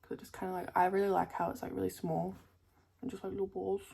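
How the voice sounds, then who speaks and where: A woman's voice: medium pitch, little pitch movement, fast, vocal fry, dark tone, husky. A young woman chatting casually to camera as a vlogger, full of fillers and casual swearing, her speech a little thick from a new tongue piercing.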